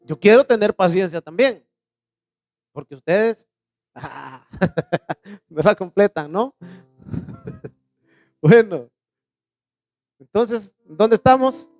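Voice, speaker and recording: High-voiced preacher man in church. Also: lively intonation, darkish tone, soft background music. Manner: asks the congregation questions and answers them; reads scripture slowly and emphatically. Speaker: pastor. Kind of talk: sermon.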